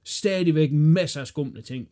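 Mellow man, swearing podcast co-host. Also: a little high. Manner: loose, swearing, talks over his partner. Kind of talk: casual film review chat.

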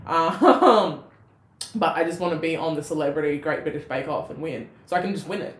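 A young woman with a deep voice and a broad Australian accent chats casually and bluntly on a comedy podcast at normal speed. She swears freely while telling animated stories, and the recording sounds roomy and echoey.

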